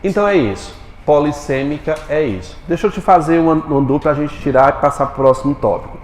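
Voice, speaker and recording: A male teacher giving a Portuguese lesson in a classroom, quizzing his students with quick questions. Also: on the high side, echoey room, big-room sound.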